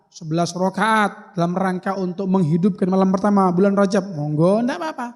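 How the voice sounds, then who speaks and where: A man's voice: high-pitched, a little mellow. A man giving a folksy mosque sermon, explaining Arabic terms and spelling them out. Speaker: preacher. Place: mosque hall. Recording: long hall reverb in a mosque.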